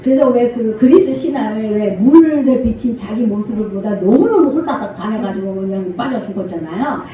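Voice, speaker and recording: An older woman pastor preaching a sermon, animated, acting out parent and child voices and laughing often. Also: a little high, moderate pace, a little hiss or hum. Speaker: senior pastor. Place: church sanctuary. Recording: echoey church hall from far off.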